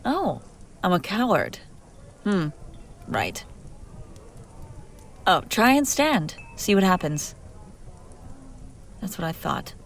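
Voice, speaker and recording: A woman voices a brusque, sardonic female bounty hunter who secretly cares, in a scripted fantasy audio roleplay addressed straight to the listener. Her medium-pitched voice swings widely in pitch, moving slowly with frequent pauses, sarcastic and teasing, often dropping into hushed urgency. There's a slight hiss or hum in the audio.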